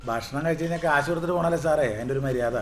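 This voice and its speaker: A man's voice: on the high side, very fast, a little hiss or hum, lightly acted. An actor playing a cheeky waiter who drawls lines in support of his boss, in a film scene with music audible. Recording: film soundtrack with clear music.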